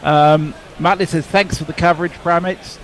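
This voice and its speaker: A man's voice: fairly high pitch, steady tone, normal speed, fairly bright tone. A man co-commentating on cricket, reading listener messages in a dry, wry way. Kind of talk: casual commentary chat.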